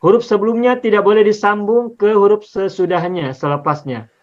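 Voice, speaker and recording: A man's voice: high-pitched, normal speed, a little mellow, muffled recording. A man teaching an Arabic linguistics lesson on the Quran, explaining patiently step by step and repeating examples.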